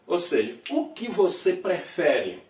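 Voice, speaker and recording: In an echoey classroom, picked up by a distant mic, a male English teacher from Brazil takes his time explaining vocabulary. His voice sits high with a sing-song lilt and a darkish tone, and he repeats every phrase and checks on his students frequently.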